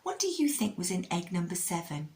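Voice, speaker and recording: In a fairly quick, lowish voice, a woman hosting a kids show relates a children's tale with a faith lesson. Her telling is expressive, and she addresses the young audience directly.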